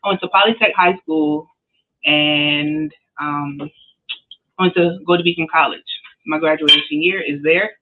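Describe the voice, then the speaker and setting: A woman's voice: low voice, a little slow, a little hiss or hum. A woman co-hosting a podcast, telling casual stories and laughing often as she talks. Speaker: podcast co-host. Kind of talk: casual storytelling. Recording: tinny phone-like line.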